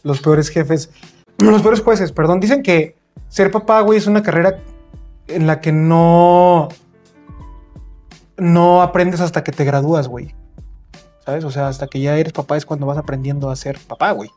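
A young man with a Mexican accent, co-hosting a casual chat with relaxed, slang-heavy banter and easy laughter. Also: fairly high pitch, normal speed, long pauses, faint music behind. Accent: Mexican Spanish. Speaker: podcast co-host.

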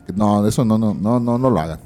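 A man's voice: lowish voice, a little fast, mellow. A man with a Mexican Spanish accent co-hosting a podcast, trading crude, slangy jokes and laughing often. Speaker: podcast co-host. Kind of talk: crude casual banter.

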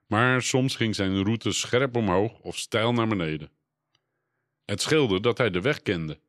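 A man with a fairly low voice narrates a children's adventure story at a calm, measured pace. The delivery is scripted and steady, and the recording is close and completely dry. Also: no echo. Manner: calm, measured read-aloud pacing. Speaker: audiobook narrator.

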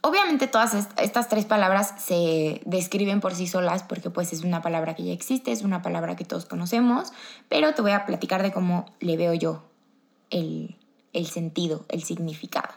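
A woman's voice: fairly low pitch, normal speed, gravelly. An upbeat woman with a Mexican accent hosts a motivational podcast. She is chatty and talks straight to her listener. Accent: Mexican Spanish. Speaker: podcast host.

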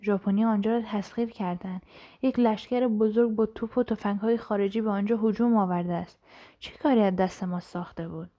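A woman doing loud, harsh male soldiers. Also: medium pitch, steady tone, lightly acted. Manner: shouting.

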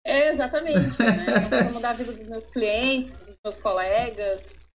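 A woman's voice: on the high side, moderate pace, crowd noise. A Brazilian woman in her thirties, an interviewee telling personal stories in an earnest way and often tagging her sentences with a questioning word. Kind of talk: reflective personal storytelling. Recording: slightly dull audio with faint noise.

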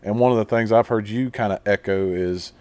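Low-voiced man hosting a podcast. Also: fairly quick, no echo. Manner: relaxed, conversational, asks long rambling questions. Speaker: podcast host. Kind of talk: casual interview questions.

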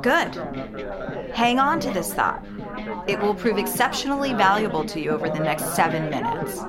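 An actress playing a formal, overly polite attendant who calmly guides someone through strange instructions. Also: female voice, medium pitch, normal speed, over loud music, natural voice. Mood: clinical. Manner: calm, formal, clinical instructions. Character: overly polite woman attendant guiding a captive.

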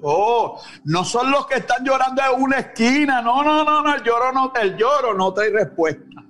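A male pastor preaching a sermon in an exclamatory way, calling out to listeners by name and bursting into shouts. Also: very high-pitched, animated, normal speed.

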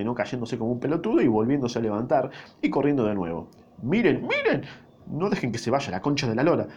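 A man's voice: mid-range voice, a little mellow, lo-fi sound. A young man with a Rioplatense accent reading a novel aloud, breaking off often for crude, swearing jokes and bursts of laughter. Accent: Rioplatense Spanish. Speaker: reader.

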